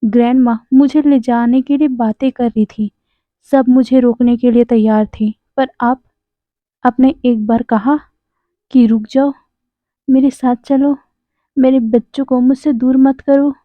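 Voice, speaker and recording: A woman puts on a wounded young husband who keeps pressing his silent partner with accusing, pleading questions. The voice sits high, and the sound is dry and thin, like a phone line. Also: fairly even intonation, unhurried, dry recording. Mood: reproachful. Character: hurt, reproachful young husband.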